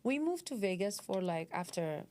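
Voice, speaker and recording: A middle-aged woman from Dubai talks in a casual interview, her voice at an ordinary middle pitch. She stops and restarts her sentences often, feeling for words in a language that is not her first. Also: big pitch swings, moderate pace, a little mellow. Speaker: podcast guest, concierge healthcare founder.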